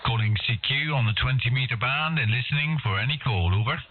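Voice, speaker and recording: A man working as an amateur radio operator, calling CQ and repeating his call sign in a measured, repetitive way. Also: mid-range voice. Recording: narrow tinny band with clear hiss.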